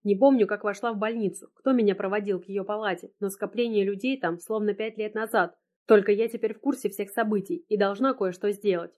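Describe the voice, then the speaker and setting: A woman's voice: medium pitch, a little fast, hardly any pauses, a little mellow. Woman narrating a tense audiobook. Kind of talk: first-person audiobook narration.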